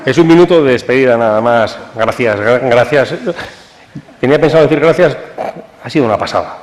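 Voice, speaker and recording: A man giving brief, informal closing remarks at an event. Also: medium pitch. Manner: brisk and informal. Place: large auditorium. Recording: distant in a reverberant hall with audience.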